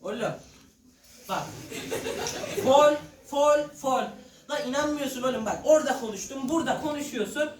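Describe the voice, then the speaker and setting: A teenage boy playing a referee in a school stage comedy, loud and exasperated. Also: extremely high pitch, expressive, normal speed, pauses often. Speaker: comic referee in a school play. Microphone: far room recording. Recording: echoey hall from far off, noisy.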